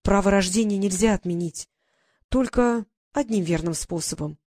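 A woman's voice: mid-range voice, normal speed, darkish tone, no room sound, studio quality, lightly acted. A woman voicing a devoted, bloodthirsty female servant who talks insistently and with heat. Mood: insistent, hateful. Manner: insistent, heated.

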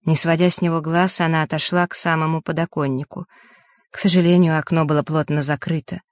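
A steady, measured audiobook narrator in a mid-pitched voice, recorded close and dry. The reading keeps an even storytelling pace. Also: no echo. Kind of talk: scripted narration.

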